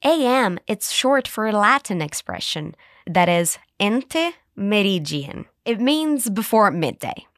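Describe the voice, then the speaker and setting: A woman hosting an English lesson podcast, cheerful, modeling phrases slowly for listeners to repeat. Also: mid-range voice, sing-song, dry recording, studio quality. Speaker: English teacher and podcast host. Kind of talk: scripted language lesson.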